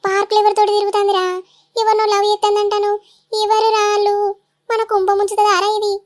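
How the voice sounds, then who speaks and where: A woman's voice: very high-pitched, completely flat delivery, fast talker. A woman voicing a melodramatic middle-aged village mother in a cartoon, scolding and wailing with a Telangana Telugu accent. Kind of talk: cartoon voice acting.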